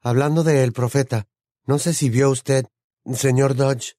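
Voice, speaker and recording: A man's voice: medium pitch, fairly even intonation, measured pace, mellow, no echo, clean studio sound, pitched above the performer's own voice, natural voice. A man voicing a polite, earnest teenage boy wizard. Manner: polite, direct questions. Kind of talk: audiobook character voice.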